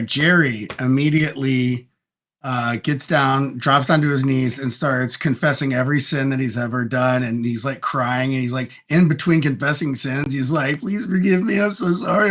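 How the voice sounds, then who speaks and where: A man's voice: mid-range voice, a bit bright. Slangy laid-back young-sounding man. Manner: slangy, says bro and dude. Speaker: player. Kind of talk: casual role-play banter.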